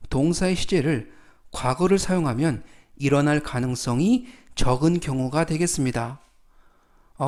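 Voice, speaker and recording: A man teaching English phrases in a calm, methodical lesson, often repeating key words and example sentences. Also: a little high. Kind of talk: slow explanatory lesson.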